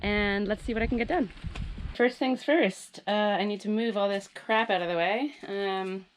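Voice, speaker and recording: Congested from a head cold, a woman with a medium-pitched voice talks at normal speed in casual vlog narration as she works on her tiny house, poking fun at herself. The audio is poor, with slight background noise.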